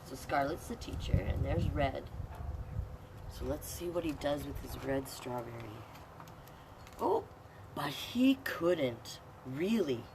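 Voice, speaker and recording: A middle-aged woman with a rumbling low, expressive voice hosts an online storytime, reading aloud to young viewers and chatting about the pictures. She speaks slowly with long pauses, and background noise is clearly audible in the recording.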